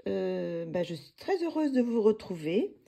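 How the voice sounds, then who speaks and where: A woman's voice: mid-range voice, sing-song, measured pace, vocal fry, dark tone, slightly rough. A woman vlogger chatting casually about her coloring books, hesitating often with fillers and restarts. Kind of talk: casual chat.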